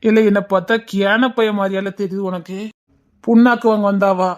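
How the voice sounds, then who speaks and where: A man's voice: high-pitched, steady tone, normal speed, clear, resonant tone, close to an everyday voice. A man playing a suspicious village father who scolds his son and threatens him. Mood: scolding. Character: stern village father hunting a bride for his elder son.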